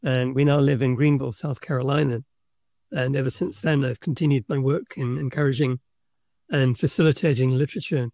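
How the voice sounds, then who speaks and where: A middle-aged man with a South African accent, speaking as a guest in a podcast interview and telling his story in a measured, thoughtful way. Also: medium pitch, fairly even intonation, warm tone, no room sound, studio quality. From Kenya and South Africa. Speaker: guest, book publisher's representative.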